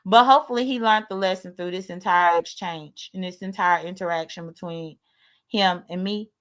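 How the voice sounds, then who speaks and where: Lowish and a bit bright, the voice moves at a normal speed. It belongs to a late-thirties American woman hosting a livestream, where she gripes in a sassy, blunt, freely profane way.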